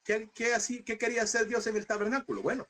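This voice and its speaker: A man's voice: sits high, fast talker, sharp tone. A man teaching a Bible seminary class, earnest and calling his listeners brother as he tells a personal testimony.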